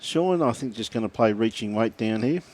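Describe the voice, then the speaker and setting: A man's voice: on the low side, animated, moderate pace, darkish tone. A man with an Australian accent commentating a lawn bowls match, joking and laughing often as he reads out viewer messages. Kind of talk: live sports commentary, chatty.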